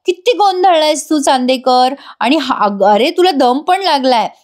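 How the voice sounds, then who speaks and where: A woman's voice: sits high, expressive, unhurried, a little mellow, voice pushed up. A woman voicing a sassy young wife who teases her husband and dodges his questions in chatty, playful talk. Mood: teasing. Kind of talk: acted voice in an episode recap.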